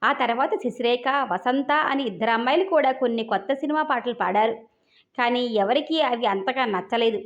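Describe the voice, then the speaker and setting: A woman storyteller reads a novel aloud in a steady manner. Her voice sits high, and the recording sounds dull and lo-fi. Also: normal speed. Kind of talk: novel reading.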